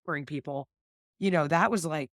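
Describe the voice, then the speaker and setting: A woman's voice: deep voice, a little fast, no echo, studio quality. Earnest woman hosting a law podcast. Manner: earnest, thinks aloud with many 'like' and 'right'. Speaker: family law podcast host and attorney. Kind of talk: casual conversation.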